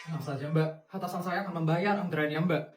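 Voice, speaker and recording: Give me a woman playing a polite assistant with a lowered, even voice. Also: fast talker, over music, lightly acted. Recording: roomy sound from a distance.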